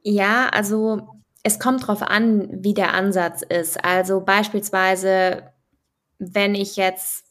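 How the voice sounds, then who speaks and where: A woman's voice: mid-range voice, steady tone, slow. A young woman speaking as an interview guest on finance, explaining thoughtfully with many fillers and restarts. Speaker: guest, finance and crypto expert. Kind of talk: conversational podcast interview.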